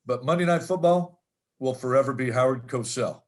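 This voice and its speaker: A man's voice: mid-range voice, moderate pace. A man in his fifties co-hosting a podcast, musing aloud in a reflective, chatty way. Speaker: podcast co-host. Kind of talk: casual chat.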